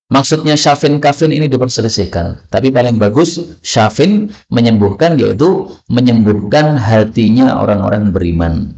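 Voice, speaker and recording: An Islamic teacher gives a religious study lesson, translating texts line by line and posing questions he then answers himself. His voice is medium-pitched with a darkish tone, and the recording is dull and lo-fi.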